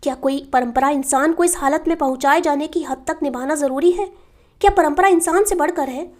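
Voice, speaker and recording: A woman voicing a gentle husband arguing earnestly. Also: high-pitched, a little fast, natural voice. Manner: earnest, persuasive, rising emphasis. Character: gentle, reasoning middle-aged husband.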